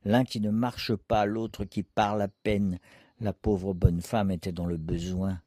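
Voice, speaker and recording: A man reading the part of a poor fisherman's anxious, guilty wife in a dramatic poetry reading, speaking in a halting, fearful way. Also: lowish voice, flat delivery, mellow, breathy edge, no echo. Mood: hesitant.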